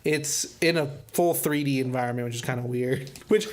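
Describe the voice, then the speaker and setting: A man's voice: medium pitch, moderate pace. A young man co-hosting a casual podcast, telling stories enthusiastically and giggling as he goes. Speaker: podcast co-host. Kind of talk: casual chat among friends.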